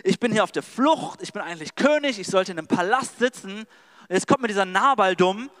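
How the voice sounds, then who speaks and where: A blunt, fed-up young warrior leader, voiced by a preacher in a sermon retelling. He talks in casual slang. The voice sits high and rings clear. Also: lively intonation, a little fast, fairly bright tone, big-room sound.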